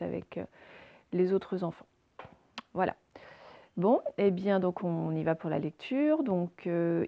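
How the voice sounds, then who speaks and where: A woman schoolteacher talks young children through a reading and handwriting lesson, spelling out letters and guiding them patiently step by step with many small hesitations. Her voice has a gravelly, slightly creaky edge. The sound is dry and close, with no room echo. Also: mid-range voice, warm tone. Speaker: primary school teacher.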